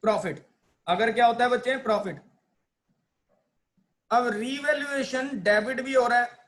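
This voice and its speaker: A man's voice: very high-pitched, a bit bright. A man teaching accounting in a playful lecture, acting out joy and dismay and quizzing his students. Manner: asks students questions and answers them himself. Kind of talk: classroom lecture.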